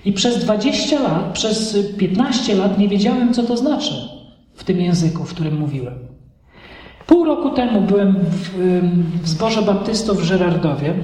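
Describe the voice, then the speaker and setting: High-voiced man preaching in an echoey hall. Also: moderate pace, far from the mic. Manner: animated preaching, acts out dialogues. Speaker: pastor. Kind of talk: sermon. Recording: echoey hall recorded from afar.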